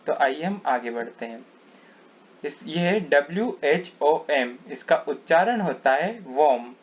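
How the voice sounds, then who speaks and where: Male teacher, very slow deliberate delivery, slightly high voice, dull lo-fi sound. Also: expressive. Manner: repeats each word and meaning, reads examples slowly. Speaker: English teacher. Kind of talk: slow spoken grammar lesson. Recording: dull lo-fi recording.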